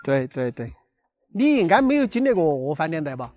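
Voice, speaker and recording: 语速很快、说四川方言的男博主. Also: male voice, fairly high pitch, very animated, a little fast, darkish tone, highs cut off. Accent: Sichuan dialect. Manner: inquisitive, asking simple questions. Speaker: vlogger interviewing a villager. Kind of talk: casual chat.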